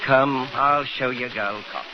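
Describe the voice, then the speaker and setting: An actor playing a fussy, nervous, exasperated village house agent in a vintage radio drama. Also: male voice, mid-range voice, a little slow, close to an everyday voice. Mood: grudging, uneasy. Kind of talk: 1940s radio acting. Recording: muffled, noisy old radio recording.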